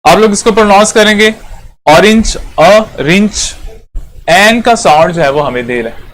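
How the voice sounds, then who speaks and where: A man's voice: sits high, expressive, quick pace, fairly bright tone. A man, an Urdu speaker, giving an English lesson in a classroom, repeating points and checking that students follow. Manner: repetitive, checks students with "clear?". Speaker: English teacher. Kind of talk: classroom lecture.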